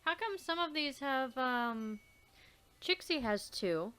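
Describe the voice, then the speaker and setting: A woman's voice: high voice, lively intonation, takes it slowly, fairly bright tone, smooth. A woman casually chatting while playing a visual novel, blunt and swearing often. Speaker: let's play co-host. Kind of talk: casual gameplay chat.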